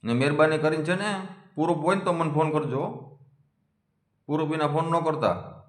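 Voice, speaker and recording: A man's voice: fairly high pitch, normal speed. A man, speaking a defiant, scolding monologue that challenges his critics. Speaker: community vlogger. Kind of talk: confrontational monologue. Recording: echoey room.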